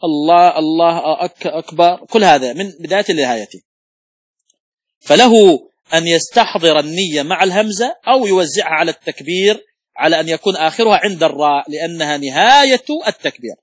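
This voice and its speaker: A sheikh gives a religious law lesson in a husky voice that sits a little higher than most men's. He works step by step through examples and sounds out correct and wrong pronunciations. The recording is dry and close, with no room sound. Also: expressive, fast talker, fairly bright tone, dry recording. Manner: methodical, explains rules through worked examples and repetition; occasional coughs and throat clearing. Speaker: sheikh teaching Islamic law.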